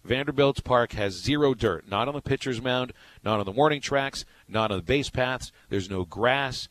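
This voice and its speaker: A man's voice: medium pitch, a bit bright, slight background noise, rough recording. A man co-hosting a sports radio show, talking casually and telling rambling stories with many restarts.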